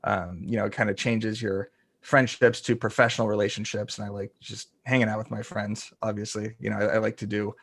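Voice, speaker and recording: Low, gravelly man joking casually. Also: flat delivery, a little fast, fairly bright tone. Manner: joking, laid-back. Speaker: guest, content creator. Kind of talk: casual podcast chat.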